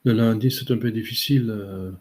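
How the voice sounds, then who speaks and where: A man, a priest giving a catechism talk and answering questions in a halting way with many fillers. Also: on the low side, fairly even intonation, a little mellow.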